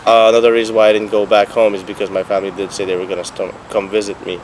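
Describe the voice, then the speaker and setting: A young man who grew up in Bahrain, a student giving a relaxed, casual testimonial with some fillers. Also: lowish voice, racing, noisy background. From Philippines, raised in Bahrain. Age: young adult. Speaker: engineering student.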